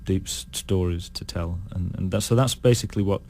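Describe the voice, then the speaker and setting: A British man with a low, gravelly voice talks through his ideas in a relaxed interview. He speaks thoughtfully and stumbles over his words, restarting his sentences often. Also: a little hiss or hum. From United Kingdom. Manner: thoughtful, halting with many restarts. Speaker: guest singer. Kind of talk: casual interview chat.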